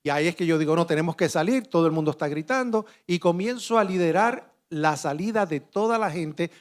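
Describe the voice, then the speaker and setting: High-voiced man telling a vivid story. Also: fairly quick. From Puerto Rico. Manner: vivid and animated, shouting out sound effects and acting out dialogue. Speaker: conference panelist. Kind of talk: dramatic first-person storytelling to an audience.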